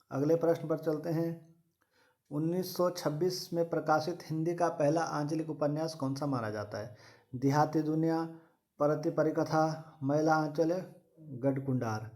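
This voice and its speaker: Man, exam prep teacher, fairly high voice, methodical, reading questions and answers. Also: measured pace. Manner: steady, methodical, repeats set phrases.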